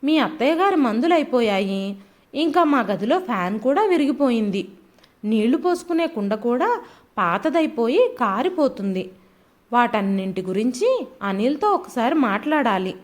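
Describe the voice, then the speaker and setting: A woman's voice: on the high side, very animated, moderate pace. A woman doing a frail, pleading old man. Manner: soft, pleading. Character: frail elderly father-in-law, pleading gently.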